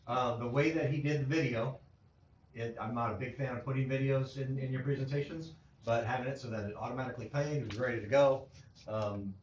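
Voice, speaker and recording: A man moderating a pitch event, offering friendly, halting feedback full of fillers. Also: fairly even intonation, slight background noise. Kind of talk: audience feedback. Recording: roomy hall, distant mic, dull sound.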